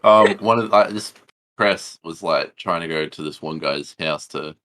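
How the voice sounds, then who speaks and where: A man's voice: sits low, a little slow, a bit bright. A man co-hosting a podcast, chatting casually in a rambling, sweary way full of fillers. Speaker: podcast co-host. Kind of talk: casual chat.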